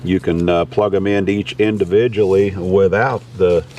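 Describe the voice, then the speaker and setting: In a low-pitched, steady voice with a dark tone, a man hosts a casual, unscripted gear review at normal speed, rambling folksily. The sound is lo-fi, from a distant mic with background noise.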